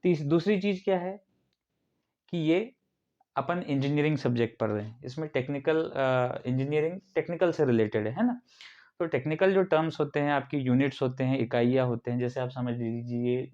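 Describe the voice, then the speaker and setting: A man's voice: mid-range voice, a little mellow. Man lecturing, step-by-step questions, lo-fi. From India. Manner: explains step by step, asks rhetorical questions. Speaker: ITI instructor. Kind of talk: classroom lecture in Hindi.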